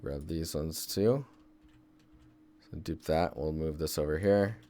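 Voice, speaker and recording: In an extremely low, dark voice and at a slow pace, a young man from Seattle, Washington State, streams game environment art from his desk. It's a casual tutorial where he thinks aloud and answers his chat as he works.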